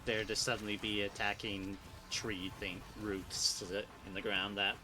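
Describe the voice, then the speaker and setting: A man's voice: lowish voice, little pitch movement, measured pace, over music. A man chatting dryly and rambling while playing a co-op game. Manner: dry, rambling, self-deprecating. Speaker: co-op game player. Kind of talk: casual gaming chat.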